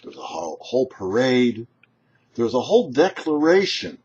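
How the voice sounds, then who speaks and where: Speaking as a rabbi and show host, a man with a rough, very husky voice delivers a brief religious lesson, his pitch moving up and down energetically. He phrases things deliberately and emphatically, pausing for dramatic effect, and the audio is slightly muffled and dull.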